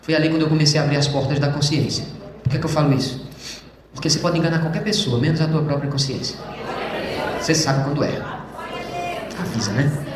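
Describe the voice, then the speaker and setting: A man giving an emotional church testimony, speaking fervently to the congregation and swinging between loud and hushed passages. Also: a little high, steady tone, fast talker, pauses often, background noise. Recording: very echoey church hall.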